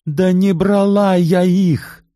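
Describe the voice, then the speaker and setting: A defiant young woman, voiced by a male reader, high and cutting in her protests. The lines swing widely in pitch, close and dry. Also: animated, a little fast, dry recording, natural voice. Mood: indignant. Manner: indignant, sharp.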